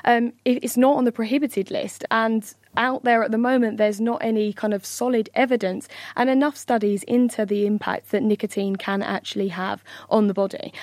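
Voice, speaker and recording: A woman's voice: fairly high pitch, fairly even intonation, moderate pace, few pauses, darkish tone, no echo. A woman, a health reporter, explaining things in a chatty way with fillers in a studio interview. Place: radio studio.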